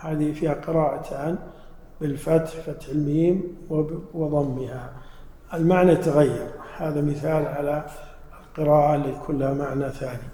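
A religious teacher gives an explanatory lesson, posing questions to his listeners and then answering them himself. His voice is on the high side and warm, with fairly even intonation and a moderate pace, recorded in a roomy hall with long reverb and slight background noise.

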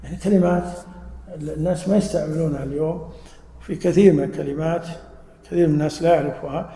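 Gravelly teacher in echoing hall. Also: male voice, fairly high pitch, steady tone, quick pace, warm tone, slight background noise. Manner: explains patiently, quizzing listeners with questions. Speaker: religious teacher. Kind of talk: mosque lesson to a live audience. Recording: echoey hall with long reverb.

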